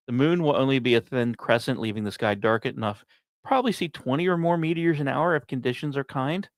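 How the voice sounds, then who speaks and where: A medium-pitched man reads science narration from a script on his podcast, mixing offhand remarks with dramatic, story-style phrasing and deliberate pauses. The audio is dry.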